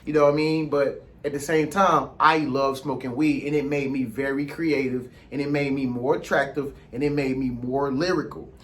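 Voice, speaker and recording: A man's voice: medium pitch, fairly even intonation, normal speed, hardly any pauses, fairly bright tone. An American man talking casually in a rambling solo vlog, using street slang and repeatedly checking that listeners follow him. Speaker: vlog host giving informal advice.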